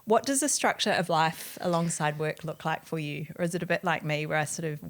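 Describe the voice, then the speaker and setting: A woman's voice: sits low, fairly quick. A woman hosting a casual interview, reflective and agreeable. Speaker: podcast host.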